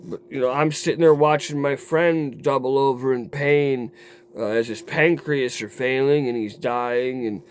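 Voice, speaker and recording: A man telling a raw personal story to his camera in a rambling, profane way, dropping low and quiet, then flaring into heated outbursts. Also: fairly even intonation, unhurried, slight background noise. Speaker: vlogger. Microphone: camera mic.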